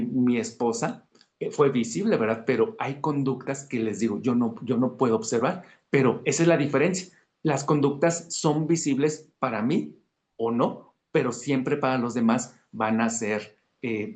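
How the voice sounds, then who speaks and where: Halting male lecturer checking in. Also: medium pitch, a little mellow. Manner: explanatory, repeats "verdad" and "fíjense" to check in with students; halting, restarts sentences often. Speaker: course instructor. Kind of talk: online lecture. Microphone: video call.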